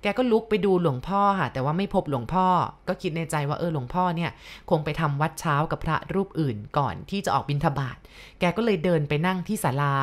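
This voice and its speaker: Female storyteller, lower register, lively ghost-story narration. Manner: lively, addresses listeners.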